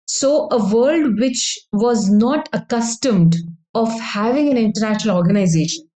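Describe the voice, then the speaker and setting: A woman's voice: on the high side, animated, moderate pace, mellow, rough recording. A woman with an Indian English accent giving an explanatory law lecture, often repeating and rephrasing her points. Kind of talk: educational lecture.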